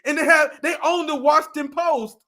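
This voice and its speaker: A man's voice: extremely high pitch, steady tone, normal speed, sharp tone. A young adult man co-hosting a political commentary show, ranting in a heated, profane way. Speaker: co-host.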